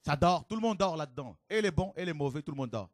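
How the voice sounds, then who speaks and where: A man preaching a fiery sermon to a congregation, with shouted exclamations and rhetorical questions. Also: on the high side, expressive, fast talker, no echo, clean studio sound.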